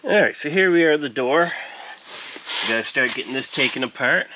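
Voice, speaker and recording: This man's mid-range voice is expressive and brisk as he narrates a relaxed car audio installation tutorial in a workshop, a car repair shop. He explains each step in a chatty, how-to vlog style over background noise.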